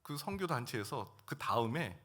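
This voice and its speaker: Male pastor, middle-aged, animated pitch, bright tone, storytelling sermon in church. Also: moderate pace. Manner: personal storytelling, emotional swings from hushed to loud. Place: church sanctuary.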